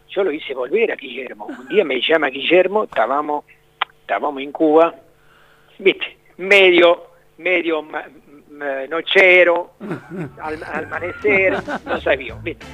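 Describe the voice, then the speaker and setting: A man, calling into a show by phone and telling anecdotes in a lively way, with quick laughs and many repeats. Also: on the high side. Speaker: phone-in guest. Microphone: phone call. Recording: muffled phone line.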